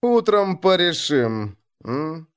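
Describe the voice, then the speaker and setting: Audiobook: hoarse, drowsy, gruff chieftain read by a man, slow and tired, a bit higher than average. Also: very animated. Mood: weary. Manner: slow, weary drawl. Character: sleepy gruff older male chieftain. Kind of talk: audiobook character voice.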